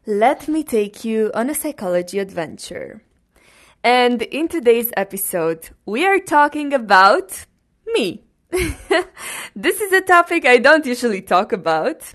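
A young woman from Romania hosting her own podcast, telling her personal story in an earnest, grateful, unhurried way. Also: on the high side, big pitch swings, fairly bright tone. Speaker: podcast host. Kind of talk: casual personal monologue.

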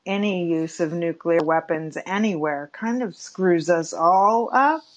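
Female caller, lowish voice, hesitant and rambling, unscripted. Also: unhurried. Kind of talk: call-in question.

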